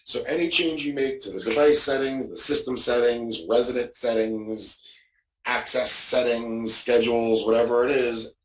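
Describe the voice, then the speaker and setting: This mid-range male voice carries a bit of hiss or hum, along with roomy echo from a distant mic. He's demonstrating a product informally, explaining each step and checking in with "okay" often.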